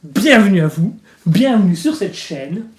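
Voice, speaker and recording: A man's voice: high voice, animated, measured pace, darkish tone, roomy sound. A man hosting his improv channel, explaining it in a rambling, self-mocking, playful way. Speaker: channel host. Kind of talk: comic improv vlog. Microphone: facing the camera.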